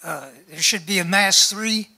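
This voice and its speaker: A man's voice: sits high, measured pace, bright, forceful tone. An older man in the audience asking probing technical questions at a stand mic.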